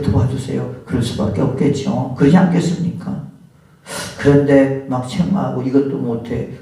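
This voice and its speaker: A man's voice: medium pitch, dark tone. A male pastor preaching a sermon, putting rhetorical questions to the congregation and sometimes acting out the voices of people in his examples. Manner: acts out scolding voices in the examples. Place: church sanctuary. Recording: very echoey church hall, mic at a distance.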